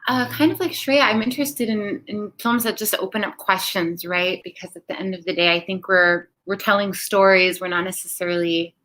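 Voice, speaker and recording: A woman's voice: medium pitch, moderate pace, hardly any pauses, a bit bright. A woman filmmaker answering at a panel Q&A in a thoughtful, reflective way. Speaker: filmmaker guest.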